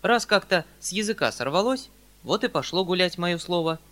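A man voicing a flustered, kindly old country landowner who talks in a hurried, fussy, pleading way. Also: high-pitched, lively intonation, fairly bright tone, voice pushed up.

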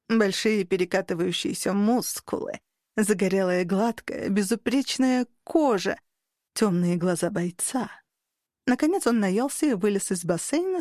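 Expressive woman narrating an audiobook. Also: medium pitch, dry recording, clean studio sound. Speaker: audiobook reader. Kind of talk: first-person audiobook narration.

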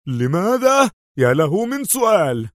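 A jittery crooked police inspector, as a narrator puts him on, higher and tenser than the storyteller's own voice. He pleads and frets in a dry, close recording. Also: animated, normal speed, a little mellow, no echo, close to an everyday voice. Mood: agitated. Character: nervous greedy male corrupt police inspector.

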